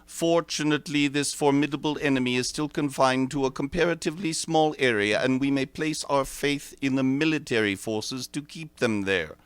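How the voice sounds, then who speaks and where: An actor playing a dignified government secretary, giving a formal, measured address in 1930s radio drama style. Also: male voice, mid-range voice, clean tone, dry recording, natural voice. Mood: solemn, resolute. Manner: formal, measured, stately oratory.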